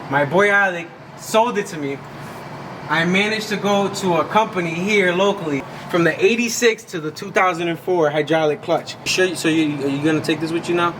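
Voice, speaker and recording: Male vlog host, slangy and enthusiastic, high-pitched, echoey recording with heavy noise. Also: moderate pace. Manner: excited, enthusiastic, swearing. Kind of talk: casual slangy vlog chat. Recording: echoey, very noisy vehicle surroundings.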